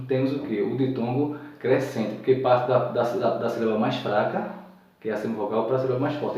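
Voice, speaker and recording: A man's voice: medium pitch, mellow. A man giving a recorded grammar lesson, patiently repeating each point and checking that his listeners follow. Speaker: teacher. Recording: echoey room, distant mic, dull sound.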